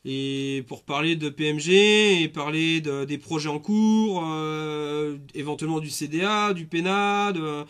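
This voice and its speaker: Chatty, high-voiced man hosting a live stream. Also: measured pace, few pauses, a bit bright, smooth. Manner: chatty, rambling with many fillers and restarts. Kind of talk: casual live stream chat.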